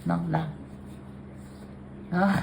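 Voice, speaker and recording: A woman with a somewhat low voice talks casually into a phone propped on a stand at her desk. She hesitates, restarts and fills pauses as she goes. A faint hiss sits under the room. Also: steady tone, vocal fry, a little mellow. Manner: chatty, hesitant, many fillers and restarts. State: clearing a frog in her throat. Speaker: craft vlogger showing cards. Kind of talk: casual chat to camera. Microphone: phone camera on a taped stand.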